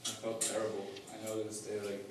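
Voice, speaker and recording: A young man giving a personal testimony as a student, halting, with many fillers and restarts. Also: fairly low pitch, completely flat delivery, noisy background. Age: young adult. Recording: echoey hall, mic far off, faint ambience.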